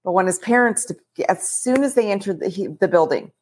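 Woman, husky, childcare leader, relaxed storytelling, podcast chat. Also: mid-range voice, fairly quick.

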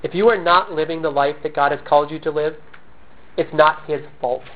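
High-voiced pastor on tinny phone-like audio. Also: male voice, fairly even intonation. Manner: earnest, measured, asks and answers own questions. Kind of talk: sermon.

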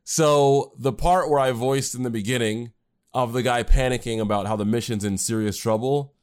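A man's voice: mid-range voice, fairly even intonation, moderate pace, clear, resonant tone. A man co-hosting a casual podcast chat, rambling with fillers and restarts. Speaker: podcast co-host and anime creator.

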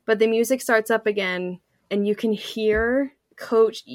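A woman's voice: on the high side, measured pace, dry recording, studio quality. Young woman animatedly recapping an episode. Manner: animated storytelling, acting out quotes with laughter. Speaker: podcast co-host. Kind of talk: casual recap chat.

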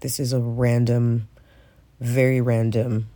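Stoner guy high and rambling on his own podcast, medium pitch, cusses a lot, super casual. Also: flat delivery, takes it slowly, warm tone. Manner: frequent swearing. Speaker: podcast host. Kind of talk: casual rambling solo monologue.

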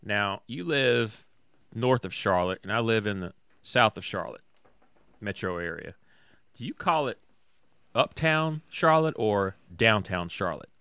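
Bright-voiced man co-hosting a talk show. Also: lowish voice, unhurried, clear, resonant tone, dry recording. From Atlanta, Georgia. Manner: relaxed, rambling, self-correcting. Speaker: podcast co-host. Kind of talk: casual chat.

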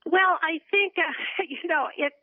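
This radio guest is a woman in her seventies whose voice is very high and a little slow. She speaks earnestly on the phone with small laughs between points, and the narrow phone line carries no echo.

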